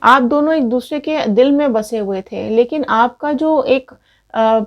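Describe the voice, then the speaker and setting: A woman's voice: a little high, unhurried, dull audio, soft background music. A woman giving a tarot card reading, talking straight to her viewers in an earnest, repetitive way. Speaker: tarot reader.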